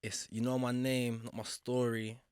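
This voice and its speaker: Relaxed young male podcast host. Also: mid-range voice, normal speed, smooth, dry recording, clean studio sound. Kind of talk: casual podcast intro and chat.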